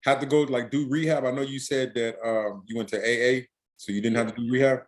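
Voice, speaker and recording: A man hosting a podcast, chatting casually and asking relaxed follow-up questions. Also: mid-range voice, fast talker. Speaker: podcast host. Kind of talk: casual chat.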